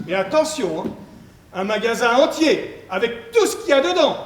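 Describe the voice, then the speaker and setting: A man plays a simple hired guard who boasts about his companion. He speaks in a very high voice with folksy eagerness. He sounds far from the mic in an echoing hall. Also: very animated, moderate pace. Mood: boastful. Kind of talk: amateur stage play performance. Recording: echoey stage hall picked up from afar.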